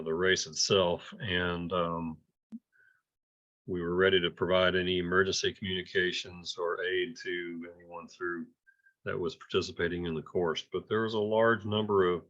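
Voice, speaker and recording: At an amateur radio club meeting, a man delivers an informal report, halting, hesitant and often repeating words. His voice sits low and is a bit bright, though the audio is dull and muffled.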